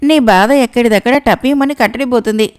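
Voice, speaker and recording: Blustering male porter, bossy, quick threats, woman voicing him, storybook comedy. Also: on the high side, clean tone, lightly acted.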